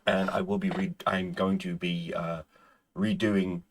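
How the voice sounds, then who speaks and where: A gaming channel host whose first language is Irish chats casually and rambles with viewers, stumbling over restarts because he's losing his voice. His low voice shows little pitch movement and an unhurried pace. A bit of hiss or hum sits in the recording.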